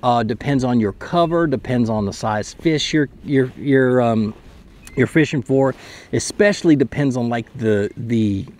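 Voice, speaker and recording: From a kayak on a lake, a fishing channel host in his thirties explains a technique to the camera mounted close in front of him. His medium-pitched, slightly mellow voice moves at a measured pace, chatty and explanatory, often restarting sentences.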